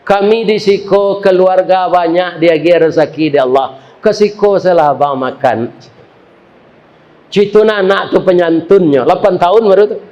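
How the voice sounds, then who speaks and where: A male preacher with a Minangkabau accent and a fairly high voice. He talks in a lively way and jokes with the congregation as he tells a sermon story. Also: muffled recording. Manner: lively, joking with the congregation, then dramatic storytelling.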